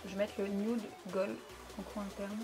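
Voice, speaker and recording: A woman's voice: medium pitch, level tone, moderate pace, over music. A young woman chatting casually through a makeup review, frank and playful, talking at close range to her camera. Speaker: beauty vlogger.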